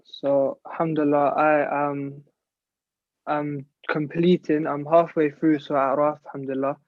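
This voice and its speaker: A 17-year-old martial artist chats casually as a guest in an interview over a video call. His voice is fairly high, with little pitch movement, a moderate pace, and no echo, and the internet call audio is slightly dull.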